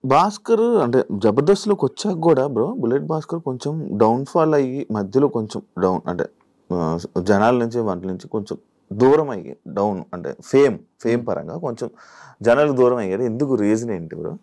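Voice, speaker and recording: A man's voice: medium pitch, animated, brisk, a little mellow. Friendly male interviewer who teases. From India. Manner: friendly, teasing, calls the guest bro. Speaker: interview host. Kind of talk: casual interview questions.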